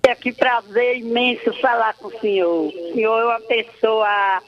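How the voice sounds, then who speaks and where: A woman's voice: on the high side, fairly even intonation, normal speed. A woman caller, speaking earnestly and devoutly in a rambling way, heard over a phone line. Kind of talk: emotional call-in complaint.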